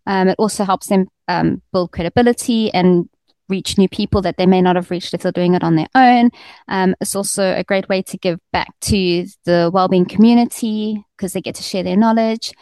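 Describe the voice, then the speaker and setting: A woman with a medium-pitched, dark, clean voice, recorded dry, chats casually in an interview about the magazine she edits. She talks easily and warmly, with lots of ums and restarts. English is her first language and Afrikaans her second.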